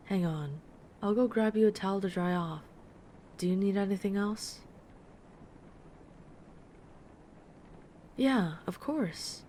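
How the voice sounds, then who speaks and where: A woman plays a gentle, caring dragon friend in an intimate audio roleplay, her mood cozy and caring. Her natural, mid-range voice is reassuring, considerate and slightly hesitant, over slight background noise.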